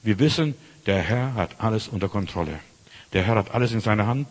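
A pastor preaching informally, speaking directly to the listener with emphatic, urgent phrasing. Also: male voice, fairly low pitch, expressive, brisk, big-room sound. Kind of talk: informal sermon.

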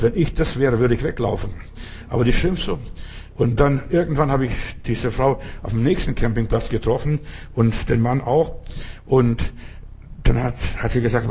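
A man with a gravelly, husky voice delivers a sermon. He tells stories and speaks straight to his listeners, often asking if they understand. His voice sits at a middle pitch. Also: darkish tone. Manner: storytelling, addresses listeners directly, frequent rhetorical questions. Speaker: preacher.

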